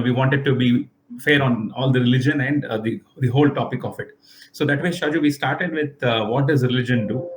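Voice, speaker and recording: A man recaps an earlier lesson for his teacher. He speaks politely and hesitantly, with many "uh"s. He calls the teacher "sir" over the video call. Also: medium pitch. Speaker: student. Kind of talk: casual recap in a class.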